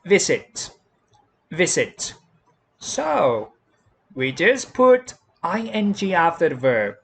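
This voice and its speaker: Here a Thai-accented man teaches English spelling very slowly, repeating each word and spelling out its letters. His pitch sits fairly high and moves over a wide range, and his delivery is very animated, with a creaky, slightly rough quality.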